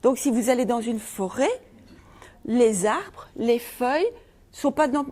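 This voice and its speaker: A woman's voice: fairly high pitch, slow pace, mellow. A middle-aged Belgian woman giving a conference talk on feng shui, asking the audience rhetorical questions. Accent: Belgian French.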